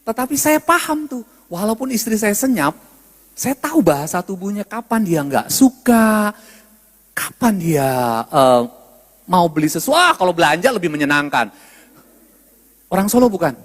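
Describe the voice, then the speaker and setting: A male pastor delivers a joking, animated sermon in an unusually high voice. His pitch leaps around as he teases the congregation, and a long church-hall reverb trails every loud phrase. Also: normal speed. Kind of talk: humorous sermon. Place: church sanctuary.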